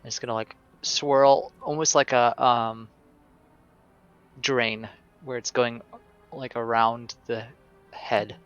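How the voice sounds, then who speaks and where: A man playing a tabletop game, describing his spell in a casual, halting way. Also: medium pitch, level tone, fairly bright tone, clear, resonant tone, faint music behind. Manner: casual, hesitant with fillers. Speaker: player. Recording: dull, muffled mic.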